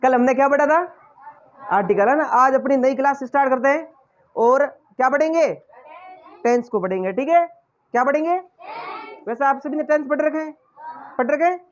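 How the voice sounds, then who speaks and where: A man's voice: very high-pitched, moderate pace, pauses often, highs cut off. A male teacher giving a lesson, quizzing the class with repeated questions and then answering them himself. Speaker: English teacher.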